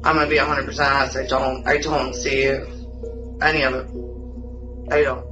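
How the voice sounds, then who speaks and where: A woman's voice: extremely low pitch, flat delivery, normal speed. Muffled, insistent woman defending herself under questioning. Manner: insistent, repetitive denials. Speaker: suspect under police questioning. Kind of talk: pleading, defensive interrogation answers. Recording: muffled, distant interrogation recording, music behind.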